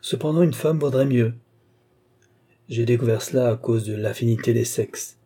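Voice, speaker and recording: A man's voice: mid-range voice, normal speed, mellow, slightly rough, natural voice. A man voicing a frail, bedridden, tyrannical old male alchemist in an audiobook, imperious and scornful. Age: older. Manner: imperious, scornful, rising to fierce outbursts. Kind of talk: audiobook character reading.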